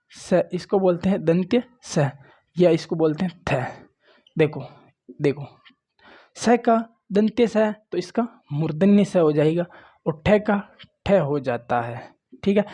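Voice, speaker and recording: A man from Rajasthan lectures on grammar at a board, his voice high-pitched with a dark tone. Coaxing and plain, he keeps saying "देखो" ("look") and "ठीक है" ("okay") to his students.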